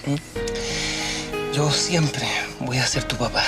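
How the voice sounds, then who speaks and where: A man acting a serious, supportive father in a television soap, speaking in an earnest, measured and reassuring way. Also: medium pitch. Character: supportive, serious father talking to his grown son. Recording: soap dialogue under clear music.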